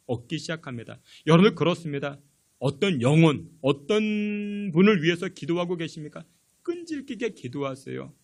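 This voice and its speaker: A man, a pastor, preaching a sermon and telling stories with many questions to the congregation. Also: a little high. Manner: animated storytelling with rhetorical questions.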